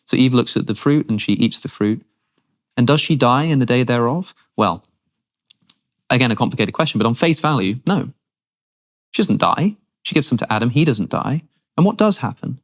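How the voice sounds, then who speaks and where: A man's voice: mid-range voice, lively intonation, moderate pace. A man speaking as a guest in a long-form conversation, thinking aloud earnestly with frequent restarts.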